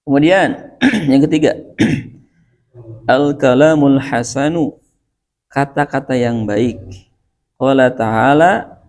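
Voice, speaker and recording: A middle-aged man with a Sundanese accent giving a sermon, reciting Arabic slowly and chuckling as he explains. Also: mid-range voice, darkish tone. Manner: mixes Arabic recitation with Indonesian, chuckles often. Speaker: preacher.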